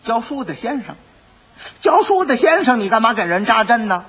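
A man voicing a stern male county magistrate who barks questions loudly, on a dull old recording. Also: very high voice, steady tone, brisk, voice pushed up, heavily acted. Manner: loud, interrogating.

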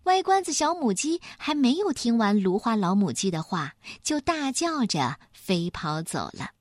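A woman narrating a children's story in an expressive, animated way. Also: a little high, unhurried, no echo, clean studio sound.

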